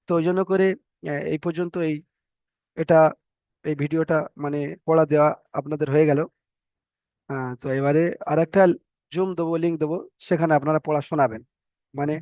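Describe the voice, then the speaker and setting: A man teaching a Quran recitation class online, who explains slowly and repeats each rule and letter sound for his students. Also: on the high side, darkish tone, dry recording, dull audio. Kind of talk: online tajweed lesson.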